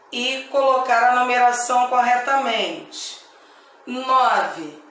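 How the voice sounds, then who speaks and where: A woman teacher with a Brazilian accent giving a grammar lesson to children, speaking slowly and deliberately and repeating each word. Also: fairly high pitch, sharp tone, far from the mic. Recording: echoey room, voice away from mic.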